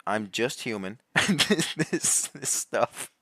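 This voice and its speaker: A man giving heated, rambling commentary, laughing often and swinging between loud outbursts and low muttering. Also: lively intonation, takes it slowly, no echo, studio quality. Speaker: commentary host. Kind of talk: animated conspiracy commentary.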